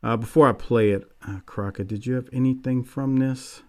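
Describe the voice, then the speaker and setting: A man hosts a casual wrestling recap in a medium-pitched voice. His delivery is dry and offhand, often trailing off. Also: steady tone, normal speed. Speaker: podcast host.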